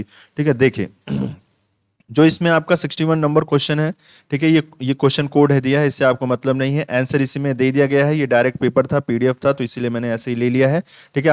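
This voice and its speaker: A man tutoring for an exam in a casual lecture, explaining step by step, reading each question out slowly. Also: mid-range voice, smooth, dry recording. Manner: explains step by step, repeats "ठीक है" often; reads English questions out slowly.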